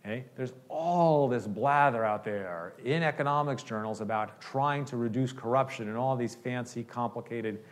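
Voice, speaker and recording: A man's voice: medium pitch, moderate pace, few pauses. Man answering questions in a lecture. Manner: explanatory, uses "okay?" often.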